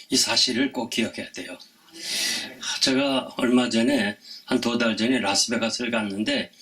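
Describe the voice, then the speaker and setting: A male pastor preaching at a seminar for pastors, telling animated stories and acting out what people said, often calling out to the audience for a response. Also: mid-range voice. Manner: animated storytelling, acting out quoted dialogue.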